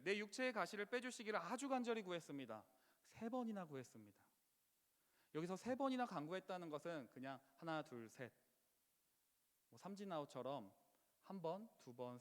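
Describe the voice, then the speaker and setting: Earnest male preacher in reverberant hall. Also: a little high. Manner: earnest, pleading, rising to impassioned outcries. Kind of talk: sermon. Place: church sanctuary. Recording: long church hall reverb.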